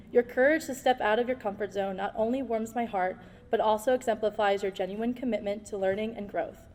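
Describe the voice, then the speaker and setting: A woman's voice: medium pitch, darkish tone. Young first-year female teacher reading a formal award speech in a long-reverb hall with faint noise. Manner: measured, formal, heartfelt.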